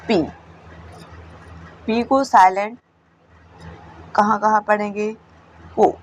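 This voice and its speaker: Woman teacher, unhurried step-by-step lesson, faint background hum. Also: medium pitch, low-quality recording. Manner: slow, with repeated checks like "theek hai". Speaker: English teacher. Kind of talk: explaining a classroom lesson.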